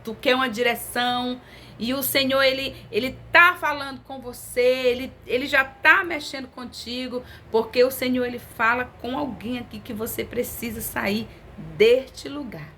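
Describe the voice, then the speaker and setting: A woman's voice: sits high, moderate pace, sharp tone, slight background noise. A woman preaching a sermon in a conversational, intimate way, stretching her phrases for emphasis.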